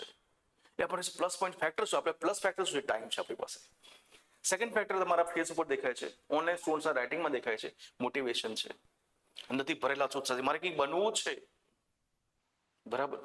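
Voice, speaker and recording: Animated Gujarati man, exam-coaching English teacher, asks the class questions, slightly high-pitched. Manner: animated, coaxing and direct, often asking the class questions. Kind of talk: classroom lecture.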